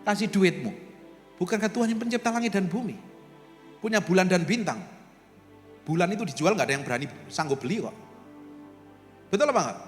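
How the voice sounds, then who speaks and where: A male pastor with an East Javanese accent preaching a lively sermon to his congregation, teasing them and acting out little quotes. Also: high-pitched, brisk, long pauses. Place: church service hall. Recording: reverberant church hall with music.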